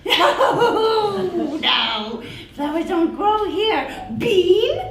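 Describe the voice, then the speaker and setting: Woman playing a hideous female creature, high swooping voice, coaxing and menacing, improvised stage tale, echoey. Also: sing-song, drawn-out words, exaggerated voice. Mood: insistent, menacing. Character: Barbara, scaly hideous female creature luring from shadows. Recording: echoey noisy theatre from far off.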